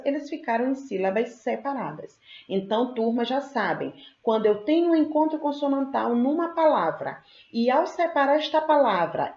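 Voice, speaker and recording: A female teacher giving a recorded grammar lesson, patiently explaining, checking in with the class and repeating example words slowly. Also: a little high, a little mellow. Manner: slows to spell out sounds and repeat example words. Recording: echoey, dull lo-fi sound.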